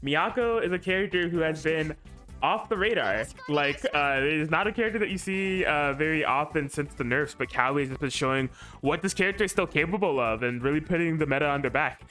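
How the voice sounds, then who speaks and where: A commentator on a fighting game tournament stream, excitable and laughing along with the plays. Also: medium pitch, a little fast, soft background music. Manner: excitable, laughing, disbelieving shouts. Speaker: esports commentator.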